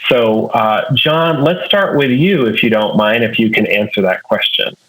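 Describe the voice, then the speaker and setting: A man's voice: mid-range voice, unhurried, fairly bright tone, low-quality recording. A man hosting an alumni panel over a video call, introducing speakers and posing questions in a friendly, methodical way. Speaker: international student advising director, panel host.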